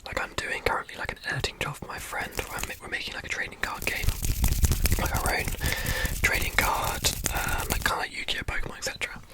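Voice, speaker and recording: A young adult whispers in a fast ASMR style, all breath and no voice. The delivery is informal and rambling, with words often repeated, like someone answering questions off the cuff. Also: poor audio.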